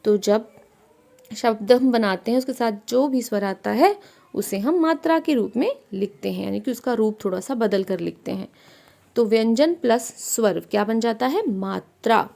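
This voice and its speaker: A woman's voice: fairly high pitch, expressive, moderate pace, gravelly, warm tone. A woman teacher explaining a primary-school grammar lesson step by step, asking her pupils questions as she goes.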